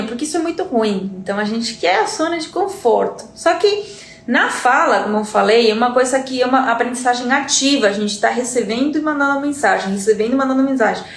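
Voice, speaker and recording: A native Spanish-speaking woman from Uruguay, with a Uruguayan accent and a slightly high voice, teaches an earnest lesson on a live stream. She repeats words often and keeps checking in with her listeners. The room is echoey.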